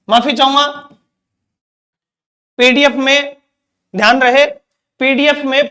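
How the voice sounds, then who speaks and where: A man's voice: very high voice, bright, forceful tone. A man teaching Hindi grammar in an exam-prep lecture, repeating points and quizzing with rhetorical questions.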